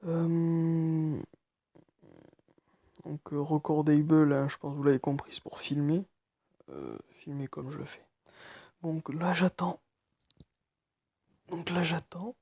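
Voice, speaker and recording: A nervous man walking through a phone tutorial, speaking quietly and haltingly with many fillers. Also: fairly high pitch, lively intonation, no room sound, clean studio sound. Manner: speaking quietly late at night. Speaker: tutorial maker. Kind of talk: screen-recorded phone tutorial.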